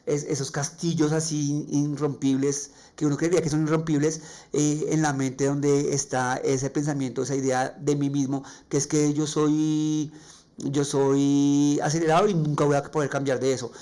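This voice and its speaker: A raspy, nasal man speaking with a Colombian accent, his voice sitting a bit high. He hosts a faith-based podcast and tells personal stories in an earnest, heartfelt monologue. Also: flat delivery, moderate pace, mellow. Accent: Colombian Spanish. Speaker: podcast host.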